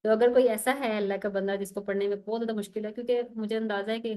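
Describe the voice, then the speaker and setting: A woman's voice: medium pitch, steady tone, mellow. Patient woman teaching letter sounds. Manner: patient, repeats "okay" to check understanding; sounds out letters slowly one by one. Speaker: Quran recitation teacher. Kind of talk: online lesson.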